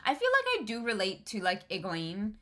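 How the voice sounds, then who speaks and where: Chatty young woman with a bright voice. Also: medium pitch, wildly swooping pitch, moderate pace. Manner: chatty, many fillers. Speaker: co-host. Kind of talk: casual livestream chat.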